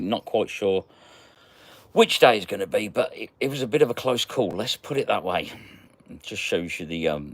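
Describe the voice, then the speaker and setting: A man's voice: low voice, dry recording. A man hosting a casual livestream, chatting and greeting viewers by name as he reads their comments. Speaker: magnet fishing livestream host.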